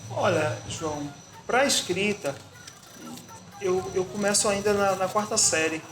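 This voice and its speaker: A man from Bahia with a Bahian accent, answering interview questions in a reflective, pausing way with frequent restarts. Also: high-pitched, fairly bright tone. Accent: Bahian Portuguese. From Bahia, Brazil. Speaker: interviewed artist and musician. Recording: echoey room with music behind.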